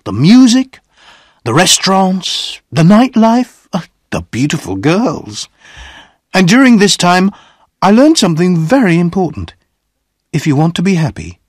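A man narrating a graded-reader story in a deliberate, expressive storytelling manner, close to the mic. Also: on the high side, no room sound.

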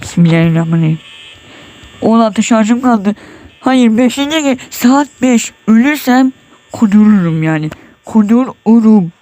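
A man's voice: sits high, lively intonation, moderate pace, a little mellow. Jumpy young man, nervous horror gameplay. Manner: tense, jumpy, muttering prayers and exclamations. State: sweating, nervous. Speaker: gamer. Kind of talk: horror game let's play commentary.

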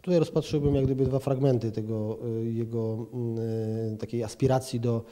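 During a TV sports interview indoors, a man in his forties answers as a football pundit, hesitating with many fillers and restarts. His mid-range voice is warm and fairly even in intonation, at a moderate pace, with a little hiss or hum. The room is an office with a plant, and a reporter holds a handheld mic toward him.

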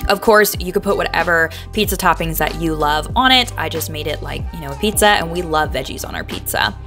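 Woman vlogger, upbeat and chatty, slightly low pitch, narrating over faint music. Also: expressive, fairly quick. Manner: chatty, upbeat, uses many fillers. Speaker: lunch prep vlogger.

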